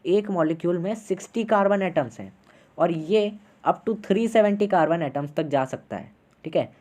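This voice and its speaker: A man lecturing to students in an online class. His voice is warm and mellow rather than bright. He keeps the explanation chatty and informal, pausing often to check that everyone is keeping up. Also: high voice. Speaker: teacher.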